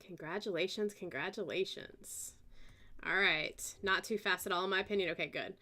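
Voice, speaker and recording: Southern woman, live auction host, bright voice, easygoing chatty pace. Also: lowish voice, fairly even intonation. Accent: American Southern. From American South. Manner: chatty, unhurried, reads out bids and details. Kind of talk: live-stream auction chat.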